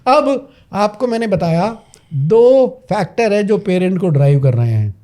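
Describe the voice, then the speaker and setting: Dramatic, high-voiced man telling a story. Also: lively intonation, unhurried, dark tone. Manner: dramatic storyteller, repeats lines for emphasis. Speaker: podcast guest, parenting coach. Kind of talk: storytelling in a podcast interview.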